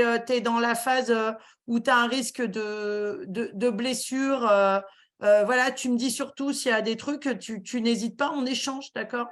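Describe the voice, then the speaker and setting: A woman giving a talk on a webinar, halting often with fillers and restarts. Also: a little high. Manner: hesitant, many fillers and restarts. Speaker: guest speaker.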